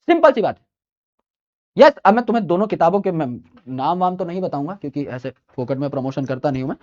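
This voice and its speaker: A man's voice: fairly high pitch, animated, fast talker, a little mellow, highs cut off. A man teaching in a chatty, informal lecture style, giving study advice and repeating his key points with emphasis.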